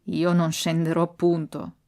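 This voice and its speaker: A woman's voice: deep voice, little pitch movement, unhurried, darkish tone. A woman voicing a fearful male grave robber who speaks hesitantly.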